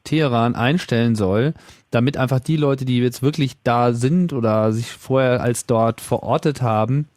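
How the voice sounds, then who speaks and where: A man's voice: medium pitch, normal speed, darkish tone, dry recording, studio quality. A man hosting a radio talk show, talking in a thoughtful, casual way with many fillers and hedges. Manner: thoughtful, lots of fillers and hedging words. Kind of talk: casual on-air discussion.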